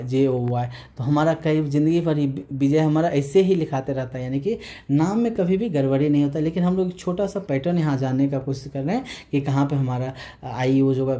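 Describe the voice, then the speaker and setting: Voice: medium pitch, a little fast, dark tone. A teacher explaining a lesson patiently. They repeat points, check in often with the class, and hesitate and restart a lot. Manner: patient, repetitive, checks in with "right?"; hesitant with many fillers and restarts.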